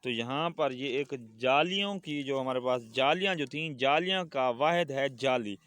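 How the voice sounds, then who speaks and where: A man with a Pakistani Urdu accent teaches a children's Urdu class, patiently repeating words and sentences for the pupils to echo back in call-and-response drills. His mid-range voice is fairly bright and moves at a moderate pace, with no echo.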